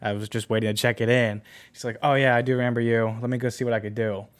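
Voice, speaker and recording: A man's voice: mid-range voice, flat delivery, fast, smooth. A man co-hosting a podcast, casually telling a rambling story full of filler words. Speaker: podcast co-host.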